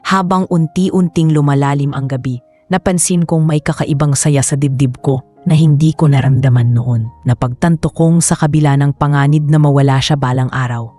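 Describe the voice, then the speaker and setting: Woman narrator, low voice, calm reflective scripted storytelling.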